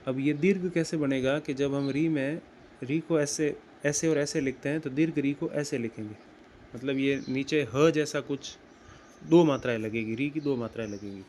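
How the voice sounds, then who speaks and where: A man teaching grammar, explaining slowly and deliberately and repeating words as he writes them out. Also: mid-range voice, darkish tone, slight background noise. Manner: slow and deliberate, repeats words while writing. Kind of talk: explaining at a whiteboard.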